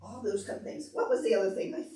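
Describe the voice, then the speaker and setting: Speaking fast in a fairly high voice, this woman presents to preschoolers and their parents at a library program, keeping explanations simple and asking lots of questions with animated gestures. A distant camera microphone picks her up in a big, echoey indoor meeting room.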